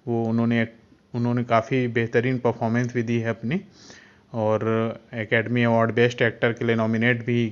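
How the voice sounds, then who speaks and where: A man hosting a film channel, giving a casual, unhurried and halting retelling of a movie's plot. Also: medium pitch, clean tone. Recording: dull lo-fi recording.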